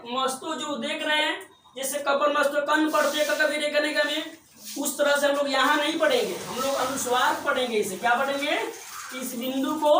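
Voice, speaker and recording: High-voiced teacher drilling at a board. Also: male voice, bright, forceful tone, a little hiss or hum. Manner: repetitive, drills with quick self-answered questions. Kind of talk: classroom lesson at a board. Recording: echoey room, voice far from mic.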